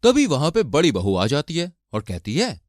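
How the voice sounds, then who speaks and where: Guy narrating a cartoon story, really animated up and down delivery, dry sound. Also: fairly high pitch, moderate pace, no echo. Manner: lively storytelling.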